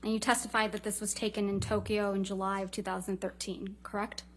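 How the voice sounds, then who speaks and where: A woman's voice: mid-range voice, little pitch movement, brisk, a bit bright. A woman lawyer cross-examining a witness in a courtroom, firing clipped, leading questions that often end in a short tag.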